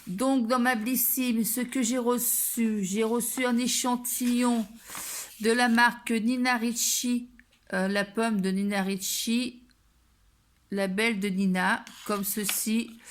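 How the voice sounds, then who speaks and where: A woman's voice: on the high side, steady tone, takes it slowly, a little hiss or hum. A woman chatting casually as she unboxes a beauty box, hesitant with many fillers and restarts.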